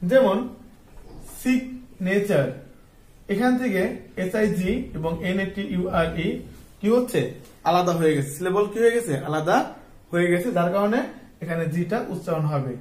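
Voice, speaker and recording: A man's voice: sits high, normal speed, long pauses, a little mellow, roomy sound, recorded from a distance, low-quality recording. A man giving an English lesson as a tutor, asking his class questions, answering them himself, and spelling words out letter by letter. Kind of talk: spoken lesson.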